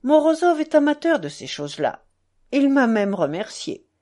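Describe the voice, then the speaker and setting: Boastful schoolboy voice read by a woman, lively and hurried, swinging pitch, storybook. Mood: eager. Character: eager proud schoolboy showing off his dog.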